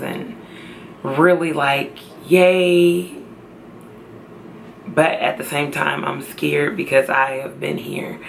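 At home, a young pregnancy vlogger speaks to her camera in a slow, heavy drawl, her deep voice strongly gravelly yet bright. She sounds tired and near tears but tries to stay upbeat in this emotional personal vlog, with a faint hum of room ambience behind her.

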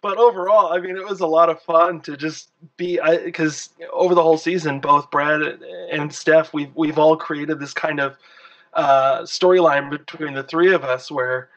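A man's voice: a little high, fairly even intonation, fairly bright tone, recorded from a distance. Joking male guest on a dull remote mic. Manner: joking, self-deprecating, quick bursts. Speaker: guest commentator. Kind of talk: casual podcast chat.

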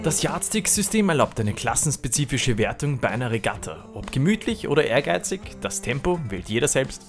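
A man's voice: mid-range voice, very animated, a little fast, few pauses. A man narrating a sailing event report in a scripted, upbeat voice-over. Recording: voice-over with loud music behind.

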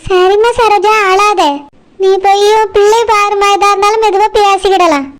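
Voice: very high voice, normal speed, slight background noise. A voice actor playing a worried older village mother with a Tirunelveli Tamil accent, soothing her daughter. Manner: soothing, monotone. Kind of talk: cartoon voice acting.

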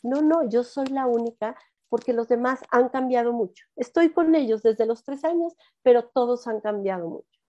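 A woman with a Mexican accent talks about her child patients in an animated way, slipping into their voices as she quotes them. Her voice sits fairly high with a soft, mellow tone. The sound is a little dull and lo-fi. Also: moderate pace. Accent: Mexican Spanish. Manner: animated storytelling, acting out children's lines. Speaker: child psychologist. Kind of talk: conversational talk.

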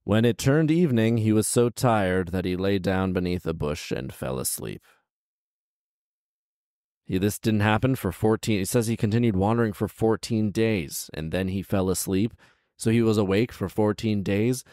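In a small living room, a man in his thirties holds a handheld microphone close as he reads a fairy tale and interjects casual, incredulous, joking remarks as host. His fairly low voice is warm and moderately paced, on a dry recording.

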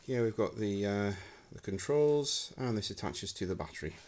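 In a wooden-floored room indoors, a man's fairly low, darkish voice comes through the handheld camera mic with slight background noise. He's an expressive hobbyist prop maker speaking at normal speed, hesitant and full of ums as he handles gear in a casual demonstration of his homemade electronics.

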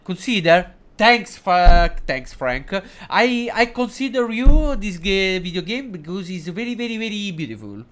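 A man giving casual, excitable and jokey live commentary while streaming a game, hesitant and halting whenever he switches into English. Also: sits high. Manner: excitable and jokey, swings between loud outbursts and mumbling.

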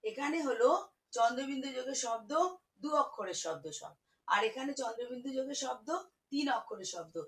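A woman teaching children to read, spelling words out slowly syllable by syllable. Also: fairly high pitch, lively intonation, rough recording. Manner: slow, syllable-by-syllable spelling, warm teacherly coaxing. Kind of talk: children's reading lesson.

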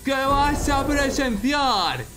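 A young man with an accent from Spain, giving excited, exclamatory reaction commentary as an anime fan. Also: extremely high pitch, extremely slow, noisy background. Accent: Spanish from Spain. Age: young adult. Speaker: reaction video host.

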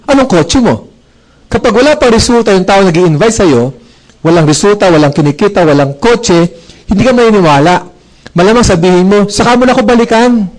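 High-voiced man giving a lively motivational talk. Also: poor audio. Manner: joking, asks the audience questions, acts out dialogue. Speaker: speaker at a business presentation. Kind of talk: animated motivational talk to a live audience.

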